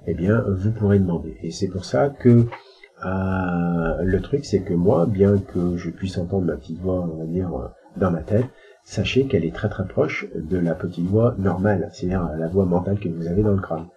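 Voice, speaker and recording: Male spiritual speaker, low pitch, colloquial and halting, muffled recording. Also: dark tone. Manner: hesitant and colloquial, with frequent filler sounds. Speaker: spiritual speaker answering questions. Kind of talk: casual spiritual teaching talk.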